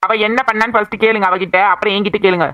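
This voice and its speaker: A lovesick young cartoon hero who pushes back against his family, as a voice actor plays him. His voice sits in a middle pitch, and he talks in an earnest, pleading way. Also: steady tone, very fast, pushed and bright, slight background noise, close to an everyday voice. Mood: defiant. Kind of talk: animated cartoon drama voice acting.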